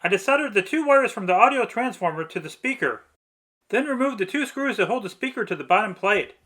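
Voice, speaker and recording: A radio restoration video's narrator talks briskly in a high, animated voice that sounds pushed and bright. He delivers his scripted, step-by-step walkthrough with precise, methodical phrasing.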